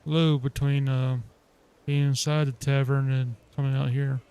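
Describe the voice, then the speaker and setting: A man's voice: medium pitch, level tone, measured pace, dark tone, smooth. A man streaming a game with casual commentary, hesitantly thinking aloud as he plays, close to the microphone. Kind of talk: casual gameplay commentary, reading dialogue choices aloud.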